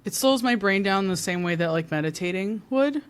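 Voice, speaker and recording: A woman's voice: mid-range voice, lively intonation, fairly quick, smooth. Giggly, rambling marketing expert woman. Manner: bubbly, giggly, rambling with many fillers. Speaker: podcast guest, marketing expert. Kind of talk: casual podcast conversation.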